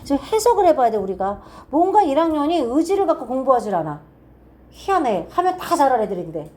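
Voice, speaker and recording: A high-voiced woman with a lively, swooping delivery runs a grammar class. She keeps checking in with her students and reads each example sentence slowly and carefully. She is recorded in a classroom. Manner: quizzing students with quick repeated checks. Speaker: English teacher at a cram school.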